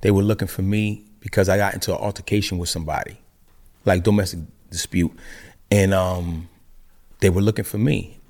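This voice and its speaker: A man's voice: deep voice, steady tone, fairly quick, darkish tone. A man, an interview guest, telling his side in a plain, matter-of-fact way. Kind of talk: casual storytelling.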